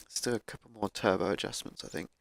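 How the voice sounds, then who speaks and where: A man with a croaky voice from a cold, casually talking through car tuning as he plays a game on a cheap microphone. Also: on the low side, fairly even intonation, fast, fairly bright tone, dry recording. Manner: thinking aloud, laid-back, with fillers. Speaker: gaming YouTuber. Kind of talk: casual gameplay commentary.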